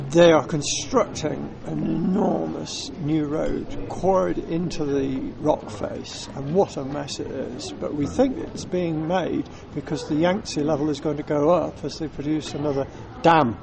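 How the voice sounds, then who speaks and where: A man's voice: a little high, steady tone, slow pace, gravelly, background noise. A man with a Northern English accent, a touring cyclist, chatting about his travels and often restarting his sentences. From North of England. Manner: chatty storyteller with frequent restarts. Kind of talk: casual travel chat.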